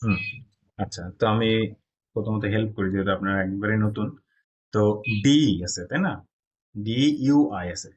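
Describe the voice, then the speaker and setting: A man's voice: lowish voice, moderate pace, long pauses, muffled recording. A man from Bangladesh teaching a Chinese pronunciation class, explaining step by step and often checking that the students follow. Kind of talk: classroom lesson.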